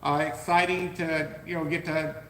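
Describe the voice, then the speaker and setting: A man co-hosting a live podcast from a warehouse, pitching his gear with eager, salesman-like energy, his voice going hoarse. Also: flat delivery, moderate pace, pushed and bright, reverberant, big-room sound, rough recording. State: losing his voice. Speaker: podcast co-host, business owner. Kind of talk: casual live podcast chat.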